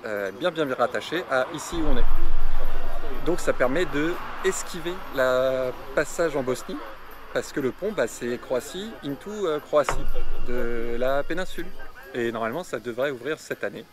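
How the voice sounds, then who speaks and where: A man from France jokes along in a relaxed travel video, slipping into a mock-formal storytelling tone. His pitch is ordinary, and music is clearly heard behind his voice. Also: moderate pace. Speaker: travel companion. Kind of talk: casual travel vlog chat.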